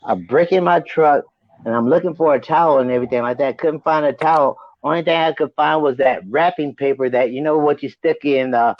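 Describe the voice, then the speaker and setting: A man's voice: a little high, fairly quick, dry recording, lo-fi sound. A man telling a wild story in a casual interview, swearing freely, laughing often, and repeating "you know what I'm saying". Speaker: band member guest.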